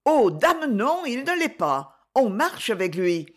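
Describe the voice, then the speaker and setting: A woman's voice: fairly high pitch, very animated, slow, voice pushed up, heavily acted. A woman reader voicing a proud, chatty older peasant woman who once nursed the heroine, speaking with fond exclamations.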